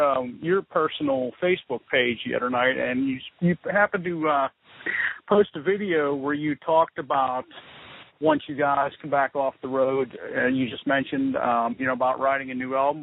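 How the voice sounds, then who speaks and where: A man's voice: medium pitch, creaky. A man interviewing a guest over the phone for a magazine, laid-back and chatty. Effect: heard over a phone line. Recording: tinny phone line with hiss.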